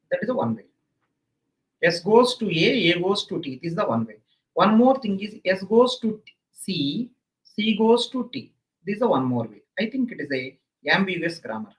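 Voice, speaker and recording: High-pitched, animated South Indian man lecturing. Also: rough recording. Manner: emphatic, repeats phrases over and over. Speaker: exam coaching teacher. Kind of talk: live online lecture.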